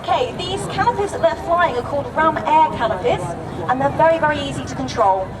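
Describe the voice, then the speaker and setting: Woman doing airshow commentary on echoey pa, really high voice, explains stuff, loud crowd. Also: lively intonation, a little fast, distant mic, background noise. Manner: explanatory, addressing the crowd directly. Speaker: parachute display commentator.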